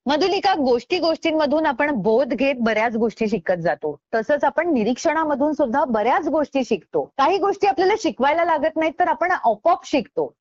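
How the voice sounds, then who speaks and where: Woman radio host, high voice, scripted educational chat, dry and dull studio sound. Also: expressive, a little fast, hardly any pauses, no room sound. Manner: explanatory, addresses co-host by name.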